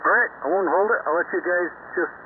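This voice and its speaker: A man's voice: sits high, fairly quick. A man running an amateur radio net as net control, chatting easily with plenty of fillers, heard through a ham radio transmission with static. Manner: easygoing, rambling, many fillers. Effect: heard over a ham radio transmission with static. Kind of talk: casual on-air radio chat. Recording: tinny ham radio audio with faint static.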